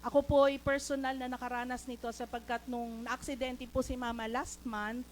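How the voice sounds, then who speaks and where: A woman's voice: sits high, little pitch movement, moderate pace, slight background noise, rough recording. Filipino woman preaching a sermon. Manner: mixes English into Tagalog, calls for amens. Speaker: lay preacher. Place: church.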